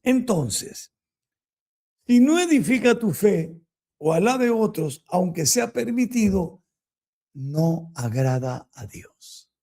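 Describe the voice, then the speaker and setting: A man's voice: sits high, very animated, slow, a little mellow. A man preaching a Bible teaching, emphatic and full of rhetorical questions to his listeners. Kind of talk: sermon-style Bible teaching.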